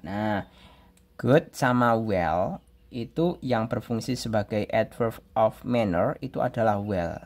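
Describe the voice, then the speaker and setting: Slow, gravelly-voiced male English teacher. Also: medium pitch. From Indonesia. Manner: explains step by step, reads example sentences slowly aloud. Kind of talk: classroom grammar explanation.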